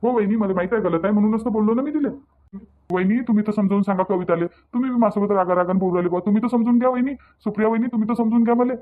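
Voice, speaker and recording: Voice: medium pitch, very fast, phone-quality sound, lightly acted. A performer voicing an earnest young husband who pleads and defends himself, with a Varhadi Marathi accent. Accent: Vidarbha Marathi (Varhadi). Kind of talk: cartoon voice acting.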